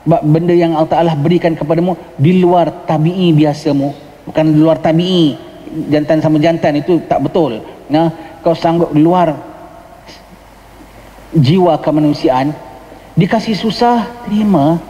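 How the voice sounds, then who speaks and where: Speaking with a Johor Malay accent, a male religious teacher gives a patient mosque lecture on a religious text, asking the listeners "ha?" and mixing in English words. His voice is fairly high yet dark in tone. The recording has its highs cut off and carries the long reverb of the mosque hall.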